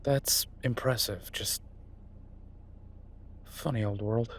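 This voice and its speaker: In a naturalistic audio roleplay, a man voices Beau, an easygoing chef reassuring his werewolf partner. His voice sits on the low side and moves slowly, conversational, hesitant and wry, with an amused mood. There's slight background noise along with ambient sound effects.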